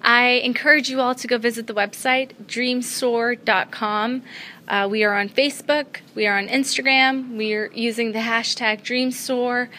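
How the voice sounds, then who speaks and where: A woman's voice: on the high side, steady tone, moderate pace, sharp tone, a little hiss or hum. A young woman from Afghanistan, a student pilot, answering interview questions earnestly with frequent ums and uhs. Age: young adult. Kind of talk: interview answers at a trade show. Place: convention floor.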